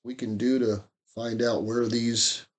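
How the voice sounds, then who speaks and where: A man's voice: medium pitch, little pitch movement, measured pace. A man hosting an interview, casually restating points and asking folksy follow-up questions. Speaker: interviewer host. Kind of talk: conversational podcast interview.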